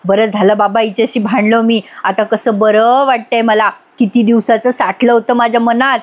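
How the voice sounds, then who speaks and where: A woman's voice: a little high, little pitch movement, moderate pace, natural voice. A woman voicing a proud, sulky young husband who grumbles and defends himself. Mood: wheedling.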